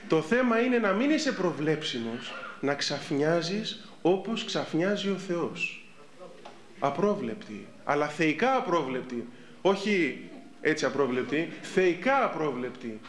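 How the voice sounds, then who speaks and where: A middle-aged Orthodox priest gives a sermon and tells stories lively, acting out the people in them. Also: male voice, on the high side. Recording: echoey room.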